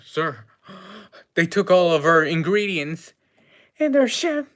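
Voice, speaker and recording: A man voicing a flustered cafe chef in a tabletop game, calling out in an urgent, alarmed way in a raised, higher voice. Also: sing-song, slow, a bit bright, exaggerated voice. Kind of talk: role-play voice in a tabletop game.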